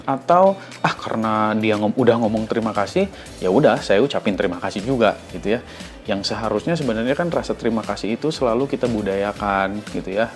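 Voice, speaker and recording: A young male teacher giving a casual spoken lesson on manners to his students, chatty and emphatic, often ending phrases with a questioning filler. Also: medium pitch.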